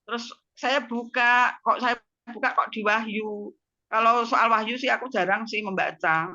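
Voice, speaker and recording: A woman's voice: a little high, fairly even intonation, measured pace, bright, forceful tone, highs cut off. A woman with a Javanese accent telling her personal testimony over a video call, emotional and full of tag words. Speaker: guest giving a testimony.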